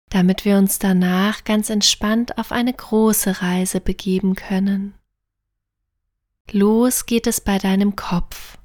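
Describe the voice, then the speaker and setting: A woman narrating a bedtime sleep story and guided relaxation in a gentle, soothing, partly near-whispered voice. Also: mid-range voice, no echo, clean studio sound.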